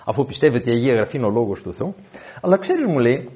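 Male preacher, lively storytelling sermon, muffled lo-fi sound. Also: medium pitch. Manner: animated storytelling, acts out dialogue. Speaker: pastor. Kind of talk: sermon with personal stories. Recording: dull lo-fi recording.

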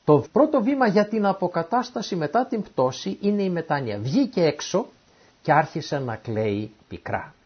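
Husky man preaching with lively pitch. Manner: reads ancient scripture verses, then retells them in everyday words; animated, acts out the quoted speakers. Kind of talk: sermon explaining a Bible passage. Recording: dull lo-fi recording.

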